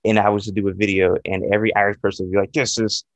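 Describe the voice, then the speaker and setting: A man who runs a video channel, talking reflectively and explaining himself in an earnest, halting way. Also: lowish voice, flat delivery, dry recording. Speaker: video channel creator and interviewer. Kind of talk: reflective interview talk.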